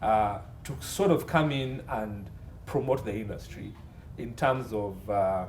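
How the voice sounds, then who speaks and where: Speaking at a measured pace in a fairly low, darkish voice, this Ugandan entertainment and media law consultant lays out his points in lists with emphasis during an interview. The room echoes, and faint noise sits in the background.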